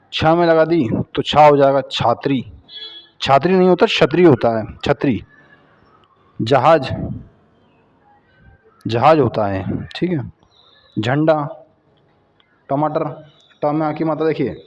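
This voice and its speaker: A man teaching children Hindi vowel signs in a patient way, repeating each word and syllable slowly. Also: fairly high pitch, darkish tone, dull audio. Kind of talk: slow children's Hindi spelling lesson.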